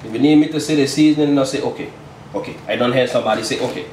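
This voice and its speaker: Talking very fast at medium pitch with a slightly mellow tone, the host keeps his cooking demo playful and chatty, closing lines with "you check?" A distant camera mic in the small home kitchen gives a roomy sound and a little hiss or hum.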